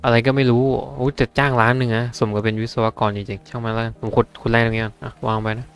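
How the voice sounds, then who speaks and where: Fast-talking man playing a game. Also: medium pitch, fairly even intonation. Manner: chatty, thinks aloud, addresses viewers. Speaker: gaming YouTuber. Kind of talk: casual let's-play commentary. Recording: game music loud behind.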